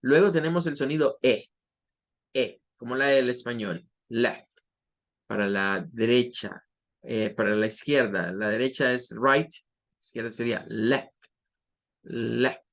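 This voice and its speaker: A man's voice: mid-range voice, unhurried, a bit bright. A man teaching English pronunciation in a lecture, explaining patiently and repeating example words. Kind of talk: online lecture.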